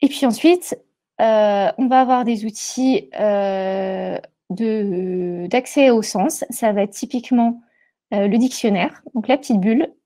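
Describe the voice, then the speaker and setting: With a dark, mid-range voice, a woman takes it slowly while giving a live product webinar demonstration over screen share. She speaks through an earpiece headset and often hesitates, relying on fillers and restarts.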